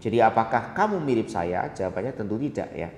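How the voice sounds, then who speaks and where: Middle-aged male teacher, patient and explanatory, slows down on example sentences; echoey room with a long tail. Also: fairly low pitch, big pitch swings, a little mellow, a little hiss or hum. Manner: explanatory, slow and deliberate on English example sentences. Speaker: English teacher. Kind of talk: recorded grammar lesson.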